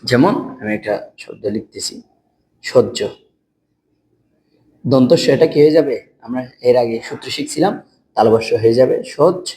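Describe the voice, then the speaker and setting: Halting man teaching a lesson. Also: mid-range voice, dark tone, slight background noise, rough recording. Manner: halting, repeats words slowly for dictation. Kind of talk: spoken lesson on pronunciation rules.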